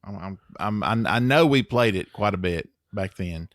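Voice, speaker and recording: A man in his thirties co-hosting a podcast, talking haltingly with stammered restarts and a dry, sarcastic humor. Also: fairly low pitch, animated, dry recording. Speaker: podcast co-host. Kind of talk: casual chat.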